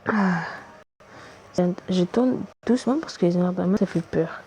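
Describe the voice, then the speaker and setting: A gamer doing casual let's play commentary, reacting out loud and exclaiming in frustration at the game. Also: medium pitch, a little slow. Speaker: gamer commentating own gameplay for viewers.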